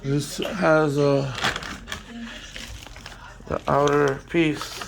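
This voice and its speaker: Gravelly-voiced man talking shop slowly. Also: on the high side, flat delivery, noisy background. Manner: rambling, frequent fillers and restarts; blunt, casual swearing. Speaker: motorcycle mechanic. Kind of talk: casual workshop walkthrough.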